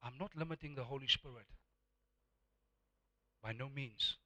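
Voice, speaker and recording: In a mid-range voice at a moderate pace, a South African preacher whose first language is Afrikaans drives home his sermon with repeated words and shifts between hushed and loud. The recording has its high frequencies cut off.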